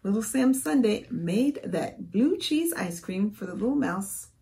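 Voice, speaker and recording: A woman in her forties reading a storybook aloud to young children as a teacher, expressive and careful. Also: mid-range voice, unhurried, creaky. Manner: expressive, careful, asks the listener questions.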